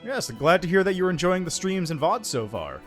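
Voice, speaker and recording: A man's voice: high voice, sing-song, moderate pace, music in the background. A man chatting casually with viewers on a livestream through a headset mic, greeting them and reading chat aloud between gaming remarks. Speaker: streamer.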